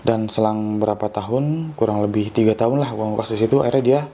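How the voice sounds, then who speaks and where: A young man with telling a ghost story in a casual, loose way, often pausing with hesitations. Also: on the low side, warm tone, slight background noise. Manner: loose and rambling, with frequent hesitations. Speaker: guest storyteller.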